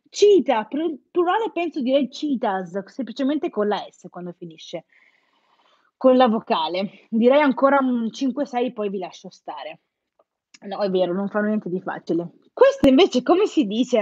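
A woman's voice: on the high side, darkish tone, breathy edge, no echo. A woman teaching English as a playful, teasing host of a live quiz, chatting with her viewers. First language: Italian. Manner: playful, teasing, jokes with students. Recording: dull, lo-fi live-stream audio.

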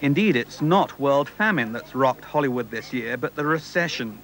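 A man reading a scripted television news report in a measured, ironic way. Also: medium pitch, animated, a bit bright.

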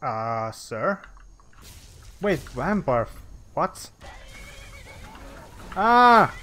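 A man's voice: mid-range voice, unhurried. A young man streaming a video game, chatting casually with viewers, swearing and laughing often. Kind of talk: casual gaming commentary.

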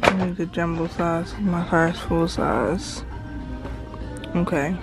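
A young woman vlogs from inside a big store with the camera held at arm's length. She takes her time, speaking in an unhurried, chatty way as she muses to herself over the shelves. Music plays clearly in the background. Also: on the low side, fairly even intonation. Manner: chatty, talks to herself while shopping. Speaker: vlogger. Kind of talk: casual vlog narration. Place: indoors in a large store. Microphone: handheld camera at arm's length.

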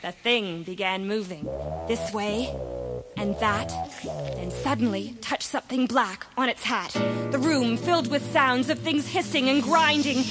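A woman narrating a rhyming children's story in a lively, expressive, sing-song way. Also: sits high. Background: music.

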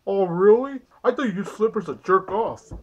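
A man's voice: sits high, normal speed, a little mellow, highs cut off. A young man voicing a foul-mouthed, cheerful little toy Santa in an amateur comedy skit. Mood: crude. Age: young adult. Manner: crude, swearing. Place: small bedroom indoors.

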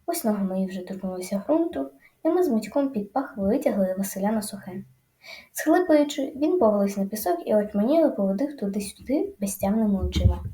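A woman narrating a children's audiobook with lively, dramatic storytelling. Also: medium pitch, a little fast, roomy sound.

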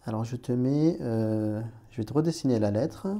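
Guy teaching arabic letters, mellow voice, talks to you like a buddy. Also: medium pitch, normal speed. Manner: chatty, addresses the learner as "tu", many restarts. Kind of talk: informal screen-recorded lesson.

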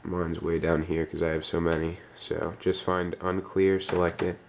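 A man giving a step-by-step tutorial, dictating instructions in short, clipped fragments with pauses between them. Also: deep voice, monotone, vocal fry, slight background noise. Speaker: tutorial presenter.

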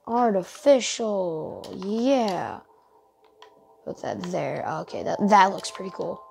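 A woman's voice: mid-range voice, expressive, takes it slowly, vocal fry, a little mellow, slight background noise. A tired woman hosting a casual let's-play, rambling and thinking aloud as she plays, often poking fun at herself. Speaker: gaming channel host.

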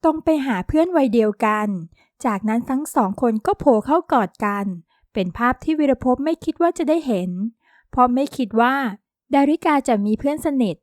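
A woman narrating an audio novel in an even storytelling read. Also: high-pitched, fairly quick, no room sound, clean studio sound. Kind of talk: scripted narration.

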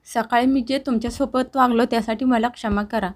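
स्त्री निवेदिका साकारत असलेला पश्चात्तापाने भरलेला कळकळीचा मुलगा. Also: male voice, very high voice, steady tone, fairly quick. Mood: pleading. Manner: pleading, earnest and tearful. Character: remorseful grown son, emotional family man.

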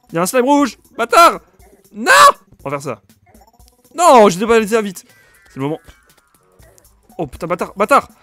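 A young man with a cold, commenting loudly on his own gameplay, swearing and yelping when enemies attack. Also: mid-range voice. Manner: excitable, swears a lot, yelps at enemies. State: has a cold. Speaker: gaming YouTuber.

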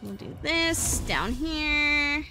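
Woman game streamer, slightly high voice, playful and chatty with casual swearing, game music underneath. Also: expressive, extremely slow, sharp tone. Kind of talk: live gameplay commentary.

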